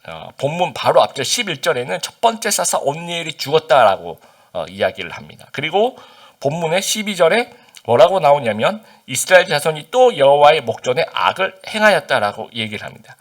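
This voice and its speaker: His voice leans high, sing-song and a little fast. The speaker is a male pastor from Busan, South Korea, whose standard Seoul Korean has a light Busan accent underneath, and he preaches in a conversational style with many fillers and questions to the congregation.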